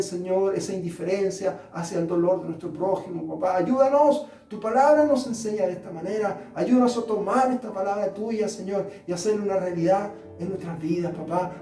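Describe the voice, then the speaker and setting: Pastor, male, high mellow voice, fervent pleading prayer, recorded from a distance in an echoey room. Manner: pleading, repeats "Señor" between phrases. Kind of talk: fervent prayer over soft guitar. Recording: echoey room, distant mic, guitar behind.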